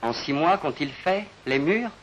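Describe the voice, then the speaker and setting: A man's voice: fairly high pitch, lively intonation, rough recording. Formal 1950s broadcast documentary narrator, man. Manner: measured, formal, poses rhetorical questions. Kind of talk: scripted narration. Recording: narration over clear background music.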